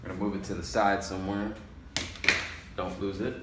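An auto mechanic walks through a casual step-by-step how-to as he works on a car in a repair shop garage. His voice sits low and stays flat, moving a little fast. The garage sounds echoey, with faint noise.

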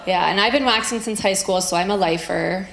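A woman's voice: medium pitch, a little fast, vocal fry. Woman doing stand-up, roomy sound, crowd laughter. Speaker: stand-up comedian. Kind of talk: stand-up comedy performed to a laughing audience. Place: live comedy venue. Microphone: stage microphone. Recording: roomy live stage sound with crowd noise. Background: audience laughter.

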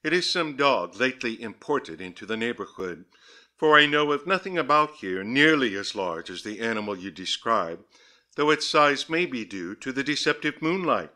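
A man's voice: animated, normal speed, sharp tone. A man voicing a frightened middle-aged male parson who exclaims in a raised voice, in a storybook reading. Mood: reasoning. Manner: exclaiming, pitched up.

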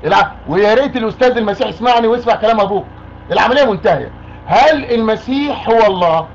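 A high-voiced Egyptian man talks fast and pushes hard, repeating his demands over and over. The call sounds muffled and lo-fi, with a faint hiss behind it. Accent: Egyptian Arabic. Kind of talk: argumentative phone call.

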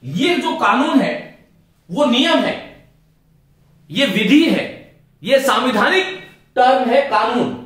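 A man's voice: very high voice, very animated, takes it slowly, long pauses, fairly bright tone. A middle-aged man teaching Hindi grammar for exam prep, carefully repeating words to model their pronunciation and appealing to his students in earnest. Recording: very echoey room.

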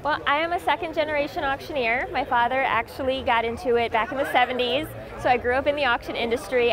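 A young American woman talking enthusiastically in a casual interview. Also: a little high. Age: young adult. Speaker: auctioneer. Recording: interview with crowd behind.

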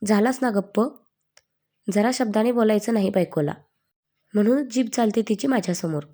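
A woman voicing a sharp-tongued, doting old grandmother who scolds and teases in a mellow storytelling voice. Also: medium pitch, moderate pace, lightly acted. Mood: scolding. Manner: teasing, scolding.

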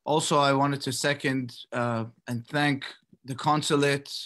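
A middle-aged American rabbi from Los Angeles gives a prepared personal address as a guest speaker over a video call, talking in a measured, slightly halting way. His voice is medium-pitched and a bit bright, with fairly even intonation. He sits indoors in a book-lined study, picked up by his computer's microphone.

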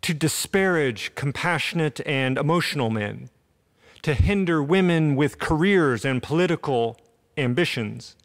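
A man in his thirties, a pastor delivering a sermon in an empty church sanctuary at a gooseneck podium mic, earnest and measured with deliberate pauses. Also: on the high side.

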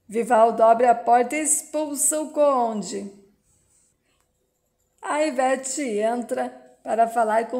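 A woman's voice: on the high side, mellow. A woman narrating a soap opera episode recap in a plain, running retelling.

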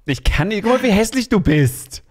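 Excitable man with a wildly swinging voice. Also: high-pitched, moderate pace, heavy background noise. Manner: excitable, jokey, yelps when startled. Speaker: let's play host. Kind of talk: casual gaming commentary.

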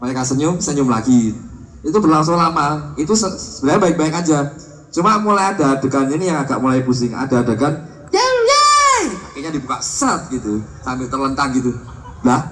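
A man's voice: mid-range voice, brisk, a bit bright. A man, a guitarist doing rambling, self-mocking stage banter between songs while he has a cold. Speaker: guitarist performing live. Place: live concert venue. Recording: roomy, distant live recording.

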